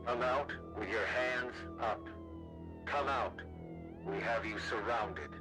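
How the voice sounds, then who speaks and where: A man doing a hard-edged warrior agent who barks orders at hiding fugitives through a megaphone, each command clipped and commanding. His amplified voice rings around an echoey space. Loud music pounds underneath him. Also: mid-range voice, slow pace.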